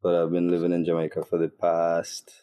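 A man, a podcast guest telling stories in a relaxed way, laughing easily. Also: deep voice, a little fast, clean tone. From Trinidad and Tobago. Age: 30s. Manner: relaxed storyteller, laughs easily, restarts often. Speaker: podcast guest, university lecturer. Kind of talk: casual interview chat.

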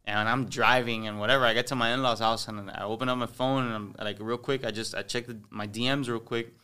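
A man with a Miami accent, a comedy influencer on a podcast, telling animated stories in casual chat and slipping into Spanish. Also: medium pitch, fast, clean tone. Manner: animated storyteller, acts out encounters, slips into Spanish.

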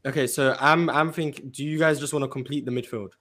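A man's voice: medium pitch, steady tone, fast talker, fairly bright tone. A young man chatting casually as he organises a group game and plays along.

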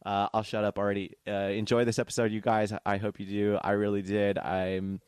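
A man's voice: on the low side, little pitch movement, fairly quick, darkish tone, clean tone, no echo. Man, from the United States, podcast host, enthusiastic casual chat, dry close sound. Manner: friendly, enthusiastic, rambling.

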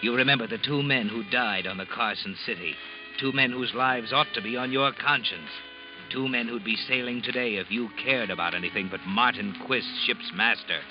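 Heard on a muffled vintage radio recording backed by dramatic music, a man plays an ominous narrator who knows everything and taunts the guilty protagonist. He tells the suspense story in the second person, insinuating and dramatic, old-time-radio style, in a medium-pitched voice at normal speed, close to how he'd normally talk.

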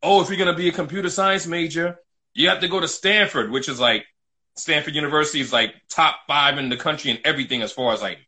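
This middle-aged guest from New City, New York City, United States, talks quickly in a fairly high, sharp voice. He tells his own story casually in an interview, with emphasis and frequent repetition.

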